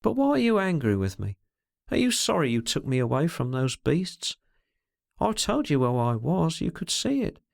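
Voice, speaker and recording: Guy doing a gentle earnest young woman, voice pushed up higher, soft and sincere, dry close sound. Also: very animated, moderate pace, gravelly, no echo.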